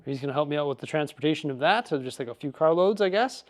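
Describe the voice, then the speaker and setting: A man's voice: fairly high pitch, animated, fast talker. A man chatting casually and upbeat in a vlog as he tidies his garage and studio, rambling through asides. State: out of breath. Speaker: vlogger.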